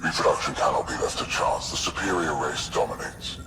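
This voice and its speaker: In a sci-fi video game, a man voices a cold, imperious alien overlord studying captive specimens, his pitch extremely low. He delivers a dramatic villain monologue in a measured, grandiose, clinical and menacing way, in a mood of cold contemplation. Loud music runs under the voice.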